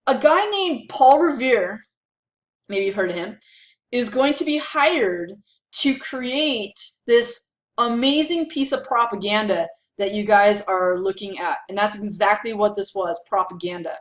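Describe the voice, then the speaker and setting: A woman's voice: mid-range voice, expressive, measured pace, roomy sound. A woman teaching a history lesson in a chatty, casual way, with lots of fillers and asides. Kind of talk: casual classroom lecture.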